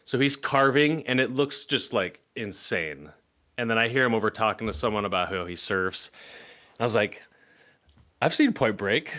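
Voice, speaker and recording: An excitable man in his late thirties co-hosting a film podcast, his stories full of laughter. His tone is bright and lively. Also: on the low side, moderate pace. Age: 30s. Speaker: podcast co-host. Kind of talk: casual chat.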